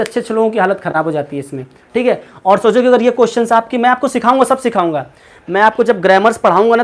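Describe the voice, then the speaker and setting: A male English teacher giving a live online class, repeating questions and calling on students by name and pet name. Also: very high voice. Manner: keeps quizzing students, repeats questions, calls them by name and pet names.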